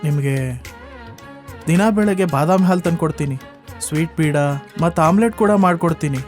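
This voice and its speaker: A man's voice: fairly high pitch, normal speed, darkish tone, soft background music, lightly acted. An actor playing a tearful young man who keeps begging a woman to marry him, in a web series drama. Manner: pleading, repetitive. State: crying.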